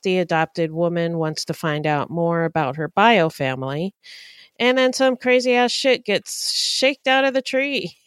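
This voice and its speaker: A woman co-hosting a casual podcast, animated and quick to react. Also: on the low side, smooth, no room sound, clean studio sound. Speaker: podcast co-host.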